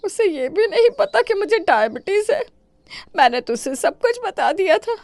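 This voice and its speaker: A woman voicing a scheming older mother-in-law in an animated story, with theatrical wailing and complaining. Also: extremely high pitch, moderate pace, no room sound, exaggerated voice.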